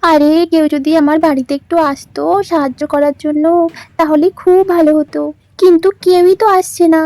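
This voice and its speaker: A woman's voice: high-pitched, flat delivery, a little fast, mellow, dry recording. A woman voicing a sick, worried village mother who frets and sighs her complaints in a doll story. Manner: fretful, sighing complaints.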